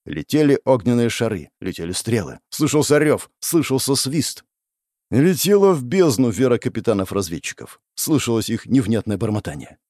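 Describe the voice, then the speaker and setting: A man reads dramatic fantasy fiction aloud with an expressive storytelling delivery. His pitch rises and falls widely, and the recording is dry and close, with no room echo. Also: normal speed. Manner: expressive storytelling, voicing the characters. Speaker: audiobook narrator.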